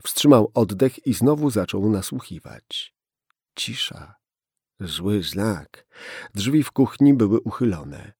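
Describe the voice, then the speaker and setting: A man narrating a crime audiobook in a slow, measured delivery. His voice is low and gravelly with a dark tone. The recording is dry and close. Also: sing-song, dry recording. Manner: measured, tense.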